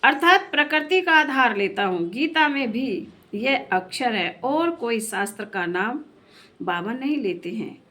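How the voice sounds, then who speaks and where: A woman's voice: on the high side, animated, a little slow, sharp tone. A woman teaching a spiritual class, explaining a scripture reading in an earnest sermon and asking her listeners questions.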